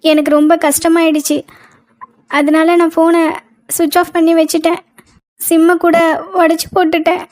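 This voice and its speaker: A woman voicing a frightened young college woman in a cartoon, pleading in a flat, tearful way. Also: very high-pitched, normal speed, long pauses, no room sound. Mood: scared. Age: young adult. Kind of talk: cartoon voice acting.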